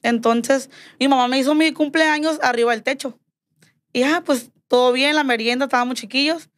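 Woman, high voice, podcast guest, casual storytelling, acts out dialogue. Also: normal speed, no room sound. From Mexico. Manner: animated, acts out quoted dialogue, repeats "me dijo".

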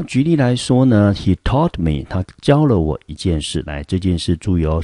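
A man's voice: rumbling low, warm tone, no room sound, clean studio sound. A man teaching English vocabulary in patient, explanatory Mandarin with a Taiwanese accent, walking through words and example sentences. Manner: patient, explanatory, sprinkles fillers like 呢 and 来.

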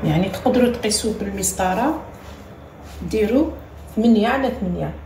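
A woman with an Algerian Arabic accent hosts a home cooking tutorial for her channel, talking step by step as she works and repeating short cues. Her mid-range voice is animated and slightly dark, and she talks fast. The room is echoey, with faint ambient noise.

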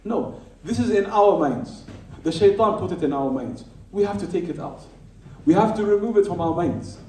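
A man's voice: high-pitched, expressive, moderate pace, darkish tone. Male preacher, lecture hall, roomy echo, heard from a distance, repeats phrases for emphasis. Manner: emphatic, repeats key phrases, rhetorical questions. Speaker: Islamic teacher. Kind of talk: lecture to a live audience. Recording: roomy hall, speaker far from the mic.

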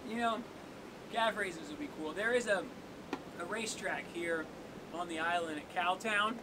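A young man hosting an outdoor workout, joking and counting down for viewers in a seaside cave. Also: normal speed. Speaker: workout host. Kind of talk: casual workout coaching. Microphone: camera on tripod at a distance. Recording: noisy outdoor recording with wave rumble.

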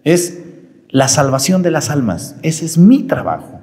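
Priest, homily, chatty and animated, long church reverb. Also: male voice, fairly high pitch, measured pace. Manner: lively, conversational preaching with sudden rises and drops.

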